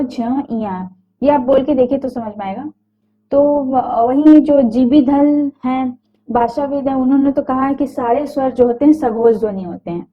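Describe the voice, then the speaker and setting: Lady teacher going over letters one by one, kinda high voice, sounds like a phone recording. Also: muffled recording. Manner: explains patiently, sounds out letters slowly one by one; small self-corrections and apologies. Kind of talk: recorded Hindi grammar lecture.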